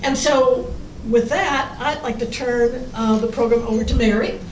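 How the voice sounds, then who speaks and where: A woman's voice: fairly even intonation, unhurried. An American woman giving a prepared presentation to an audience as a children's author. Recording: roomy, distant mic, faint rumbling noise.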